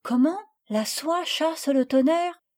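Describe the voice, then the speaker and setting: A woman reading aloud, voicing a stubborn, timid little girl in a storybook who talks in a high, fretful way. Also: unhurried, a little mellow. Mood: frightened.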